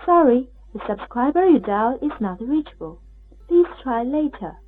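A woman voicing a female automated phone operator message in a flat announcing tone, through a telephone filter. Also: high-pitched, normal speed. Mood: formal. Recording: tinny phone line.

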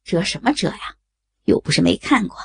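Woman voicing a gravelly, sneering bully of a man. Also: fairly low pitch, expressive, brisk, voice pushed down, full character voice. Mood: sneering menace. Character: crude, menacing adult man. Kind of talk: erotic audio story reading.

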